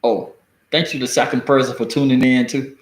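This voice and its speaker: An American man with a deep Southern accent, reading and commenting casually on the news in a halting, folksy, colloquial way. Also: flat delivery. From United States. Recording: echoey room.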